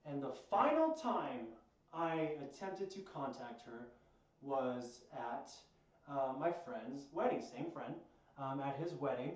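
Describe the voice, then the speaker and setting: A man telling a personal story in a rambling, animated way, swearing at times. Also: medium pitch, takes it slowly, heavy reverb, distant mic, highs cut off. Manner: rambling, animated, swears, acts out quoted voices. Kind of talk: casual storytelling.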